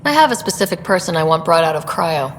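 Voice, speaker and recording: A composed woman explorer in a sci-fi game. Her voice sits fairly low and she speaks earnestly and evenly. There is a long reverb around her with a little noise underneath. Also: big pitch swings, fast talker. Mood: composed, businesslike. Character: composed, supportive young female space explorer and leader. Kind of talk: video game dialogue. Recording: reverberant, faint background noise.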